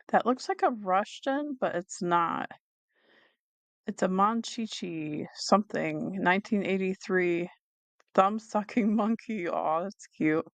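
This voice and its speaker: A woman's voice: lowish voice, creaky, dry recording. A woman casually commenting as she scrolls through sold listings, chatty and often laughing. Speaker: reseller vlogger. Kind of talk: casual screen-share commentary.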